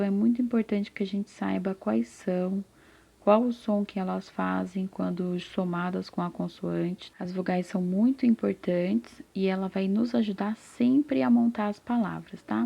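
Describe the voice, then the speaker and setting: A woman teacher leads a reading lesson for small children and draws out each syllable at an unhurried pace. Her voice is warm and slightly gravelly. The recording sounds a little dull and lo-fi. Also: medium pitch. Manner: slow, patient, repeats syllables, asks and answers her own questions. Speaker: literacy teacher. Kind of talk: slow, patient remedial lesson for first graders. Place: classroom with a whiteboard.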